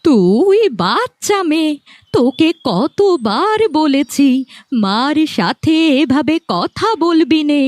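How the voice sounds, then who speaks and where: A woman's voice: high voice, sing-song, takes it slowly, no echo, heavily acted. A woman voicing a quarrelsome middle-aged village mother in a cartoon, scolding her family. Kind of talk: cartoon voice acting.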